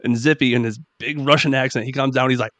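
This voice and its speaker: A man's voice: medium pitch, steady tone, fast talker, fairly bright tone, dry recording. A man hosting a podcast chats in a laid-back way, telling stories and answering with short agreements. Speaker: podcast host. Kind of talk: casual chat. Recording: dull, dry lo-fi mic.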